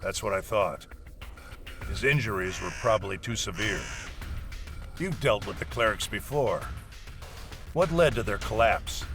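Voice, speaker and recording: A man's voice: on the low side, animated, measured pace, creaky, pauses often, music in the background. A man playing a hostile, bossy warrior leading a scouting mission in a video game, curt and scornful. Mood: brusque, businesslike. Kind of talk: video game dialogue acting.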